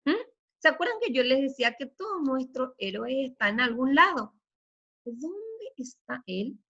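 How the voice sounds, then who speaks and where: Slow, patient schoolteacher woman. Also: sits high, big pitch swings, sharp tone. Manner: slow, patient, checks in with "¿sí?" and "¿ok?" constantly; praises often. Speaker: primary school teacher. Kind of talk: recorded remote lesson. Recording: slightly dull lo-fi audio.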